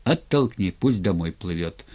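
A man's voice: deep voice, animated, measured pace, a little mellow. A man reading a blunt, practical Cossack comrade in an audiobook, talking in coarse, plain speech. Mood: gruff, blunt.

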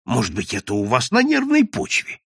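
A man's voice: mid-range voice, wildly swooping pitch, fairly quick, creaky, breathy edge, dry recording, studio quality, heavily acted. A man voicing a fussy male office clerk who chatters eagerly with advice.

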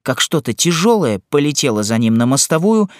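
A man narrating a classic novel as an audiobook, in a measured, expressive reading. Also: fairly high pitch, dry recording, clean studio sound.

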